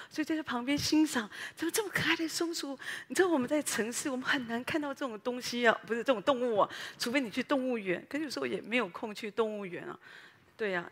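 A woman pastor, preaching a sermon in a lively storytelling way that speaks directly to the congregation. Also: a little high, long reverb tail. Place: church.

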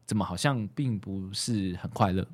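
A man's voice: deep voice, normal speed, dry recording. A man with a Taiwanese accent speaking as a doctor guest in a casual podcast conversation, explaining his thoughts reflectively, step by step.

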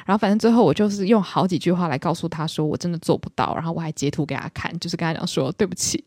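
Fast-talking woman. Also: on the low side, husky, no echo, studio quality. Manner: animated, self-mocking storyteller. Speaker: podcast host. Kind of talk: casual solo storytelling.

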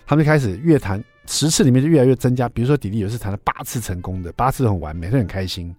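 A middle-aged man, telling a story on his radio show. He talks quickly and his pitch swings widely as he acts out the back-and-forth. His voice is dry and close to the mic, with faint music underneath. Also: dry recording. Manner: chatty, acts out dialogue with lively voices. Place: radio studio.

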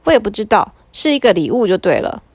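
A weary storybook mother, flat and put-upon, voiced by a woman reading aloud. She speaks in a dry, close tone. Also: medium pitch, fast talker, slightly rough, no room sound.

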